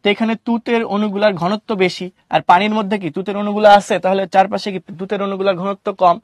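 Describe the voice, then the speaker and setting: A young man teaching an online class in a Bangladeshi Bengali accent, with a fairly high voice, recorded close and dry with no room sound. He asks questions and answers them himself, drops English words into his sentences and answers student comments as he goes. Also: flat delivery, a little fast, dry recording. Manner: reads out student comments and replies.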